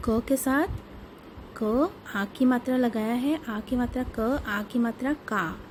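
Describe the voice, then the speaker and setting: A woman's voice: on the high side, a little mellow, a little hiss or hum, poor audio. A woman teacher giving a lesson to young pupils, patiently repeating words and sounds for them. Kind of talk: online class lesson for children.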